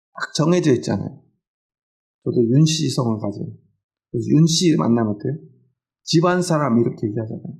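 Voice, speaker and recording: A man's voice: medium pitch, vocal fry, darkish tone. A middle-aged male pastor preaching a sermon in a conversational way, often asking the congregation questions.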